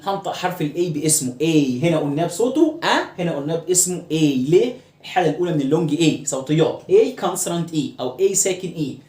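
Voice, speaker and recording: A man with an Egyptian Arabic accent, teaching an English lesson and explaining pronunciation, who often repeats words slowly to drill them. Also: a little high, darkish tone, roomy sound.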